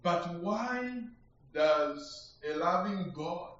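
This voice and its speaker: Man from uganda preaching, slow deliberate delivery, echoey hall, dull distant sound. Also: high voice, lively intonation, fairly bright tone. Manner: slow, reflective, pausing, with rising emphasis. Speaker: guest preacher. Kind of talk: sermon. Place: church hall.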